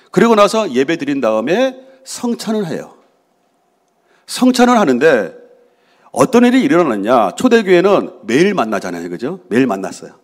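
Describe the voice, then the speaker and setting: A middle-aged man, preaching a sermon to his congregation as pastor in a conversational way, asking questions and answering them himself. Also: medium pitch. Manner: acts out voices of quarreling people. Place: church sanctuary.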